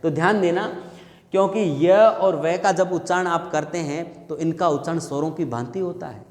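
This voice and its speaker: A man's voice: a little high, normal speed, a little mellow. A man teaching a Hindi grammar lesson for exam prep, asking questions and answering them himself. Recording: echoey room with long reverb.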